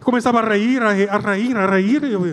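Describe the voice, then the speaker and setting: A man preaching a sermon as a priest, in slow, deliberate phrasing broken into short pieces. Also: high voice, steady tone, long reverb tail.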